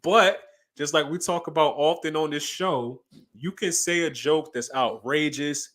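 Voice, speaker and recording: A man co-hosting a podcast, talking in casual chat with emphatic, animated bursts. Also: on the high side, a little slow. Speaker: podcast co-host.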